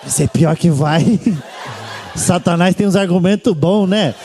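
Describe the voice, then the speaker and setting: A man's voice: high-pitched, unhurried, soft background music. A Brazilian man telling a long story on stage in stand-up comedy, acting out every character. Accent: Brazilian Portuguese. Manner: animated, acts out every character. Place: comedy stage before a live audience.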